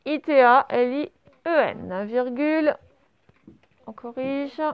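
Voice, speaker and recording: During a primary school dictation, a woman speaks slowly in a smooth, high voice, breaking words into syllables and spelling them letter by letter. There's no echo, and the recording is slightly dull and lo-fi.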